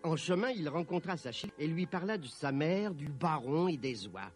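A man tells a children's fairy tale in a bright, high voice. He narrates expressively, rising and falling a lot. Soft music runs faintly behind. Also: moderate pace. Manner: expressive, animated. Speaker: storyteller. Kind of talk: storybook narration.

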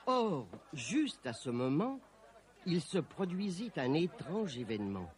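A man narrating a children's fairy tale in an expressive, animated way. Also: fairly high pitch, slow. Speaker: storyteller. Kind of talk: storybook narration.

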